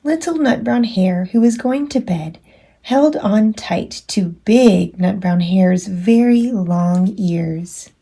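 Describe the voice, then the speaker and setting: Female storytime teacher reading to young children: expressive, slow-paced, lightly breathy and husky. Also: medium pitch. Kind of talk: children's storybook read-aloud.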